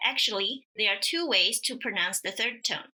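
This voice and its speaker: A woman teaching pronunciation in a scripted lesson, speaking slowly and carefully as she demonstrates. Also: medium pitch, bright, forceful tone, slightly rough. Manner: slow, careful, demonstrative delivery. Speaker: language teacher.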